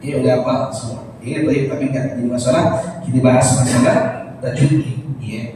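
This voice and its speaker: A man teaching Quran recitation rules in a mosque study circle, patiently chanting words slowly to demonstrate them. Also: medium pitch, fairly even intonation. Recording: echoey hall from far off, background noise.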